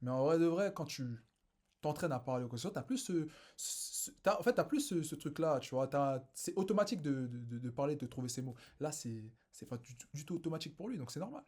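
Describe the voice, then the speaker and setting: A man coaching casually, emphatic, with big swings of pitch and repeated phrases. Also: lively intonation, fairly quick, a little mellow. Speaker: dating coach. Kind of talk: casual street coaching advice.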